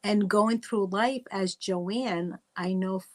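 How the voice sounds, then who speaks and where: A woman's voice: medium pitch, slow, a little mellow. A middle-aged woman from Italy hosting a faith talk show, speaking earnestly and personally, often adding "right?" and "you know". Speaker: podcast host.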